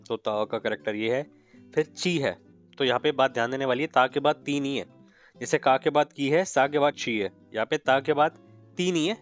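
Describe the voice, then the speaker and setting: A man teaching a beginners' language lesson in a patient, explanatory way, often checking in with "okay". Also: medium pitch. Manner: patient, repeats "ठीक है" and "okay" often. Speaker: Japanese teacher. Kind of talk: classroom lesson in Hindi mixed with English.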